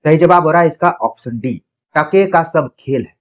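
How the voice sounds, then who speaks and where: A man coaching students for a Hindi exam. He reads each question and its options slowly, then explains the answer patiently and speaks to the students directly. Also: on the high side. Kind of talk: exam practice lecture.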